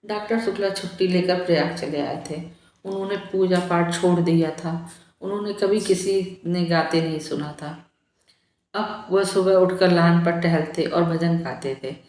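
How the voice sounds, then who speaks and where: A woman narrating a novel in a calm, measured audiobook reading. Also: fairly low pitch, reverberant.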